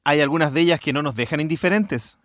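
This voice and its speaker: A man with a Chilean accent co-hosting a podcast, telling stories in a playful, relaxed and chatty way. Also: on the high side, quick pace, no echo, studio quality. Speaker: podcast co-host. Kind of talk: casual podcast chat.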